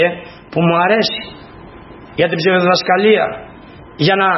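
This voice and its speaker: A man preaching a sermon to his congregation in an earnest, emphatic way, repeating key phrases. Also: high voice. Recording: dull lo-fi recording with faint noise.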